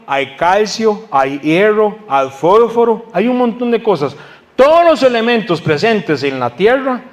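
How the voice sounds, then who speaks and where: A man preaching a sermon to his congregation, asking them questions and answering them himself. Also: high voice. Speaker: pastor.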